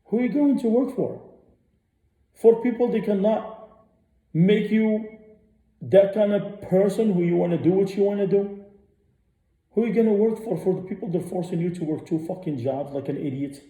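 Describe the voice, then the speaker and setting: A man rants on a radio show, blunt and profane, and he hammers his points again and again. His voice is very dark and sits a little high. The room around him sounds echoey. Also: moderate pace. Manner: blunt, profane, repeats himself. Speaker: radio host. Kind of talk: ranting monologue.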